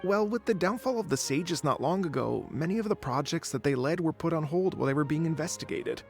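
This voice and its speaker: A man's voice: fairly high pitch, lively intonation, fairly quick, creaky, faint music behind. An actor playing a chatty, unmotivated young male researcher who justifies himself, in a video game. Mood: casual. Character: idle young male researcher, casual, unmotivated excuse-maker. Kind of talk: video game dialogue acting.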